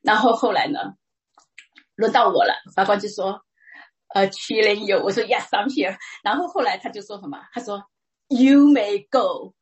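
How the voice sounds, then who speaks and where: A middle-aged woman giving a personal church testimony, retelling it in a lively, chatty way with frequent restarts. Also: medium pitch, normal speed.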